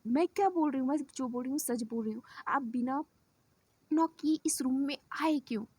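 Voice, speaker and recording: A quick-tempered young woman yells in indignant protest, her voice pitched a little high. A woman reads her lines as the storyteller. Her temper runs hot and loud. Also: breathy edge, no room sound. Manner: shouting, indignant.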